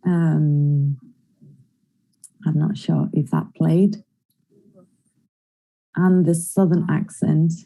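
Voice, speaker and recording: A woman's voice: sits low, steady tone, very slow, long pauses, mellow, rough recording. A woman giving an online academic conference presentation, explaining her research methodically through a computer mic. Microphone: computer mic in an online screen-share presentation.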